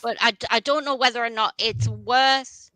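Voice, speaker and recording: A woman's voice: a little high, fairly even intonation, moderate pace, pushed and bright, no echo, low-quality recording. A woman hosting a casual livestream, chatty and rambling, often restarting her sentences. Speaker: livestream host.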